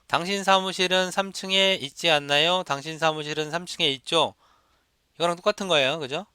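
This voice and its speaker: An English test instructor lectures through listening questions, repeating each example and having students say it back. His slightly high voice is bright, forceful, smooth and crisp, steady and brisk, recorded close and dry with no room echo.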